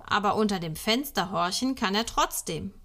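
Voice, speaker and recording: A woman reading a storybook aloud, voicing a patient, playful mother who squeaks when playing along and is otherwise calm and dry. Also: moderate pace.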